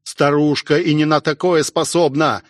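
A man voicing a gruff, wry veteran male station commander in an audiobook, talking in an unhurried way. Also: a little high, fairly even intonation, no room sound, clean studio sound, close to an everyday voice. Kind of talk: audiobook character voice.

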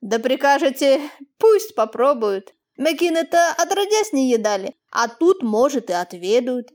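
A woman's voice: high voice, very animated, a little slow. A woman reading an audiobook, voicing an older peasant man who speaks plaintively and deferentially. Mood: sorrowful. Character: older peasant man, meek, sorrowful, fawning.

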